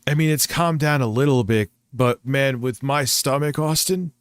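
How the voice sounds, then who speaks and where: A man's voice: medium pitch, moderate pace, clean tone, dry recording, clean studio sound. A man hosting a livestream in a casual, sweary reacting style. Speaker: livestream host reacting to videos. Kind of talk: casual profane chat.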